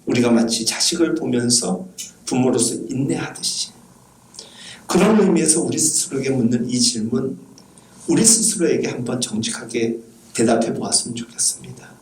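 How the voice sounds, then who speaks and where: A man pastor delivering a Sunday sermon in a soft, earnest way, posing questions to his listeners. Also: mid-range voice, normal speed, echoey room, slight background noise.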